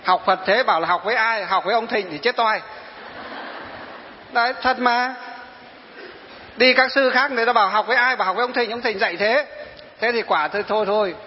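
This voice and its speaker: A high-pitched man, a Buddhist monk, delivers a dharma talk full of stories and rhetorical questions. The sound is dull and lo-fi, with a long reverb as in a hall, and faint noise underneath. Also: brisk, long pauses. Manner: storytelling, quoting followers, rhetorical questions.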